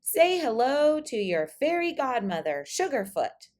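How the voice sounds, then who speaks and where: A woman voicing a feisty little old Western fairy godmother in a storybook, brisk and bossy, with folksy cowgirl talk. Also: high-pitched, sing-song, a little mellow, pitched above the performer's own voice. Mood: brash greeting.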